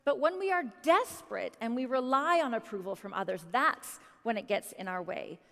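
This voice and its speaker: A woman in her thirties giving a motivational keynote speech, animated and quizzing the audience directly. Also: fairly high pitch, moderate pace, gravelly. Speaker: keynote speaker. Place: conference hall stage. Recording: long reverb of a large hall.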